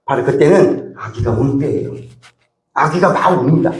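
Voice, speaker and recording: A male pastor preaching a sermon, acting out prayers and pleas in an animated way. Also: medium pitch, normal speed, echoey room. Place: church sanctuary.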